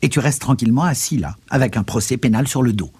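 A man voicing an excitable, loud older country uncle in an audiobook reading, agitated and pressing. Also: medium pitch, fairly quick, slightly rough, dry recording.

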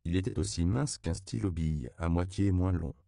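A man reading a novel aloud as an audiobook narrator, measured and even, on a close studio mic. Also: sits low, vocal fry, smooth, no room sound. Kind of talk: scripted narration.

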